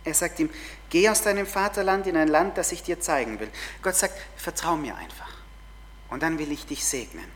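A woman's voice: low voice, expressive, moderate pace, a little hiss or hum. Earnest German-speaking woman preaching. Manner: earnest, repetitive emphasis, drops to a soft whisper at times. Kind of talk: sermon.

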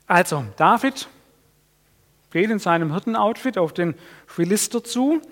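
Guy giving a sermon, pretty high voice, big echoey hall, tells the story lively and asks the crowd stuff. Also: measured pace. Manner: lively storytelling with audience questions. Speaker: preacher. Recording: long reverb of a hall.

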